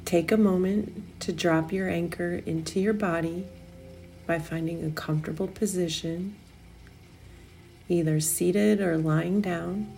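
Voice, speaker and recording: Woman, meditation guide, very gravelly vocal fry, slow soothing delivery, long pauses, music behind. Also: fairly low pitch, warm tone.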